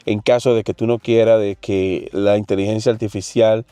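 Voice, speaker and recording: A man's voice: lowish voice, little pitch movement, normal speed, warm tone, clear, resonant tone, no room sound. A man hosting a casual tech channel, chatting straight to viewers while demonstrating on his phone. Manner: chatty, addresses the viewer directly with frequent fillers.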